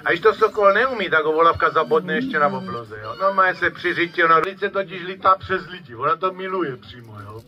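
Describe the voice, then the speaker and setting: A man's voice: on the high side, few pauses, highs cut off. A man presenting a live outdoor falconry show, talking to the crowd with lots of tag questions. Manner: lively, addresses crowd, frequent tag questions. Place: outdoor field at a bird show.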